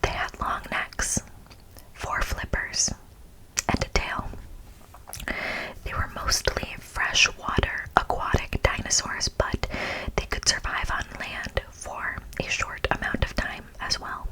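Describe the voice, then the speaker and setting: Over poor audio, a woman from the United States hosts an ASMR session, reading a prepared speech in a whisper. Her pace is very slow and deliberate, and her occasional playful asides to the listener stay equally hushed.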